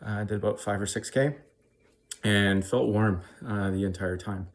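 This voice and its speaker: A man talking casually to his vlog, hesitant and halting, shivering after time in ice cold water. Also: lowish voice. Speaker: vlogger.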